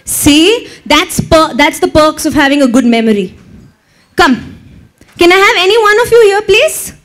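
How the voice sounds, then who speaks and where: A woman's voice: very high voice, normal speed. A woman hosting a live cultural show, bantering and teasing the audience. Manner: lively, teasing crowd banter. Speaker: event emcee. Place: event venue with live audience.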